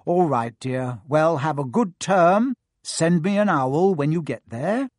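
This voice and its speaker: A man's voice: fairly high pitch, expressive, takes it slowly, no room sound. A busy middle-aged mother, fond yet scolding, calls out in a raised, lifted voice, as a male reader puts her on. The sound is dry and close, with no room around it. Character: fussing middle-aged mother of many sons.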